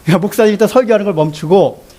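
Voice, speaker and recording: A man preaching a sermon as a pastor, telling a story in an animated way and often laughing. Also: sits high, racing.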